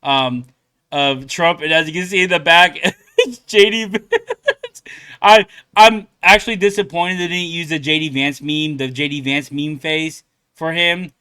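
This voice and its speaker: A man's voice: a little high, measured pace, sharp tone, smooth. Rambling young male reaction host. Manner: rambling, filler-heavy, laughs often. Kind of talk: casual commentary.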